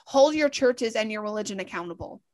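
A woman's voice: medium pitch, animated, brisk. A young woman from Canada co-hosting a podcast, talking in a heated, blunt way and swearing a lot. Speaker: podcast co-host. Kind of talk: casual chat.

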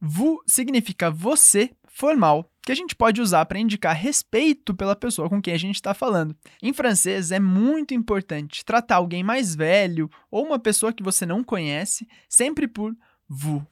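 A woman's voice: medium pitch, expressive, normal speed, hardly any pauses, no echo, clean studio sound. A woman with a Brazilian Portuguese accent teaching a call-and-response language lesson, patiently modelling phrases for the listener to repeat.

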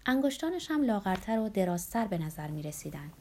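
A woman narrating a novel in a steady storytelling manner. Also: mid-range voice. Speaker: audiobook narrator.

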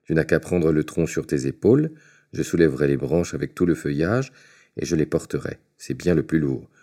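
Brief: a man voicing a sly, boastful little tailor, deep mellow storybook voice. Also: normal speed.

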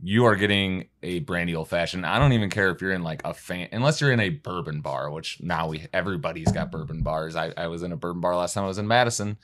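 A man's voice: sits low, fast, few pauses, fairly bright tone. A man from Wisconsin, a podcast guest, telling rambling stories in casual chat and often breaking off mid-sentence. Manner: rambling, self-interrupting storyteller.

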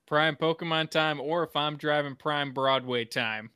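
Bright, jokey man on a podcast. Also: fairly high pitch, a little slow, smooth, no echo, clean studio sound. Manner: jokey, laughs often, breaks into song. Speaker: podcast co-host. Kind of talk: casual chat.

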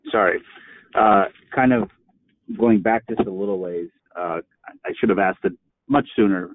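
A man's voice: fairly low pitch, moderate pace, dry recording. A man taking part in a judicial training call, asking a question in an apologetic, self-deprecating, hesitant way. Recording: tinny dry phone-line audio.

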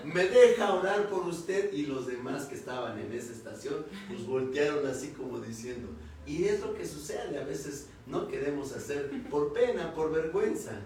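A man's voice: mid-range voice, expressive, normal speed, hardly any pauses, darkish tone, slight background noise. A young man preaching a sermon, telling a personal testimony and acting out the dialogue, then building to emphatic repeated phrases. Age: young adult. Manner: storytelling, acts out dialogue, builds to emphatic repetition. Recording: echoey room, far from the mic.

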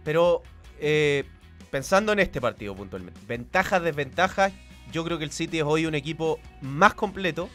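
A man's voice: fairly high pitch, lively intonation, normal speed, a bit bright, faint music behind. A man co-hosting a football podcast, talking through a past match in a casual, analytical way with many restarts. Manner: analytical, thinks aloud with restarts.

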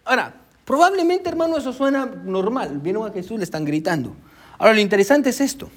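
A man's voice: sits high, big pitch swings, fast talker. A male pastor preaching a sermon, with a preacher's cadence and frequent "amén" and "hermano" asides. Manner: code-switches with English "so".

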